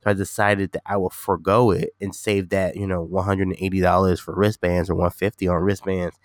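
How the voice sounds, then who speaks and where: Low, nasal, congested male podcast host. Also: flat delivery, a little fast, dry recording, studio quality. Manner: informal, rambling, repeats phrases. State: slightly sick with a stuffy nose. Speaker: podcast host and gaming streamer. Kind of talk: casual solo podcast chat.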